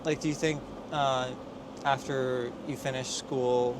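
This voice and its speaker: A man's voice: medium pitch, steady tone, slow pace. A man interviewing a passerby on the street, easygoing, asking rambling questions with restarts. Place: outdoors on a city street. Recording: outdoor street noise.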